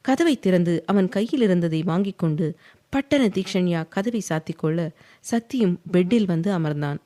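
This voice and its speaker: A woman narrating a romance audio novel in a steady, even storytelling manner. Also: fairly low pitch, moderate pace.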